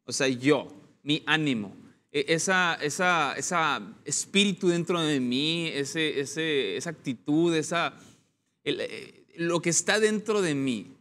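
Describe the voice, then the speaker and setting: A man's voice: fairly high pitch, animated, slow, pushed and bright. A man leading a casual Bible discussion, often repeating words as he searches for them.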